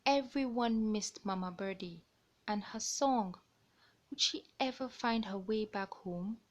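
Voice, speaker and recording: For a read-aloud aimed at kids, a woman hosts and walks listeners through the story. She uses a mid-range voice and keeps everything simple and deliberate.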